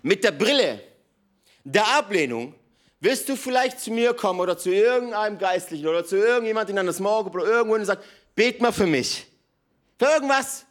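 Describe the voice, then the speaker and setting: A man preaching an energetic sermon in a large church hall, swinging from loud emphatic bursts to quiet low asides. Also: fast. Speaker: pastor.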